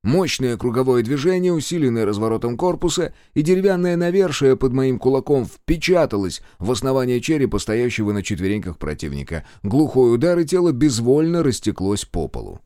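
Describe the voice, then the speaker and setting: A man narrating a first-person fantasy audiobook in an expressive, wry storytelling manner. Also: mid-range voice, brisk, few pauses, dry recording, clean studio sound.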